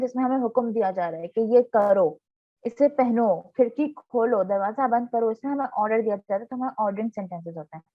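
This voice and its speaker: A woman teacher giving a grammar lesson, explaining step by step, checking in often and reading example sentences slowly. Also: on the high side, dull audio. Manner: reads English examples slowly and deliberately. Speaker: English teacher.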